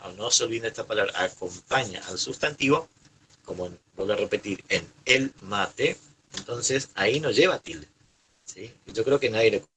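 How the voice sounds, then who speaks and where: Man, argentine accent, teacher, low husky voice, bright, repeats himself patiently. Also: poor audio. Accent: Argentine Spanish. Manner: patient, repeats points with frequent "¿sí?". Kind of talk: online class explanation.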